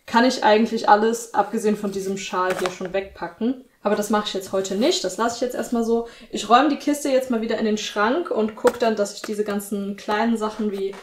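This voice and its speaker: This lifestyle vlogger, a woman in her twenties, rattles off her household chores with few pauses and a slightly quick pace. Her mid-range voice stays fairly even in intonation but sounds upbeat and chatty as she addresses the camera in a bright little apartment room.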